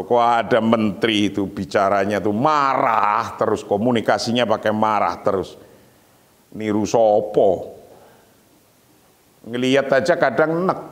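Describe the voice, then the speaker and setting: A middle-aged man giving a morning religious lecture, teaching emphatically and reciting Arabic lines slowly before explaining them. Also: mid-range voice. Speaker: Islamic preacher. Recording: long hall reverb.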